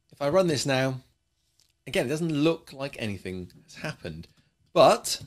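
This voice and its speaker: A man teaching a coding lesson in a chatty way, explaining with playful asides. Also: medium pitch. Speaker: programming teacher.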